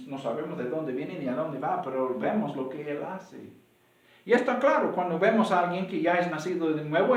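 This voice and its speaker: A man with a Mexican accent preaching a sermon, acting out short dialogues to make his point. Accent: Mexican Spanish. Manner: animated, acts out dialogues with rising pitch. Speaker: pastor. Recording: echoey room, voice from far off.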